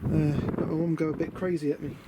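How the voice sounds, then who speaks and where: A man's voice: a little high, flat delivery, fast talker. A British man giving a casual, rambling vlog commentary in an understated, chatty way, muttering asides to himself. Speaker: DIY vlogger showing a camper van conversion. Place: outdoors by a van beside a house. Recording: windy outdoor camera audio with noise. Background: wind noise.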